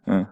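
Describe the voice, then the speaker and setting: A male pastor preaching to young people, telling the story with acted quotes and asking the audience questions. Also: warm tone. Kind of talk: sermon to teenagers.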